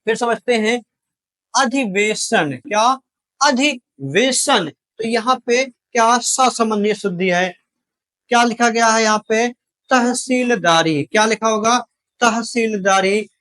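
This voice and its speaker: Male tutor, high pitch, drills students with constant rhetorical questions and repetition. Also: takes it slowly, fairly bright tone. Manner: keeps asking rhetorical questions and repeating the answers; addresses viewers directly, calls them brother. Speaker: Hindi exam-prep teacher. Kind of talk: spoken lesson, drilling spellings.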